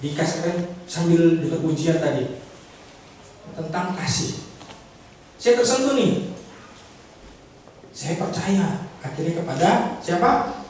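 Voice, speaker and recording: A man's voice: fairly high pitch, lively intonation, slow pace, long pauses, darkish tone, a little hiss or hum. A man preaching to a congregation, acting out a pleading sinner in a dramatic sermon illustration. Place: church hall. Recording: echoey church hall from far off.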